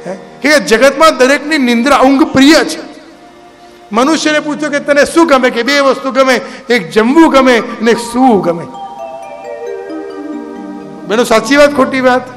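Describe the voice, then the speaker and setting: A man's voice: very high voice, normal speed, pauses often, fairly bright tone. A man giving a devotional discourse, exhorting his listeners with rhetorical questions. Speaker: religious speaker. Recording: reverberant hall with instrumental music.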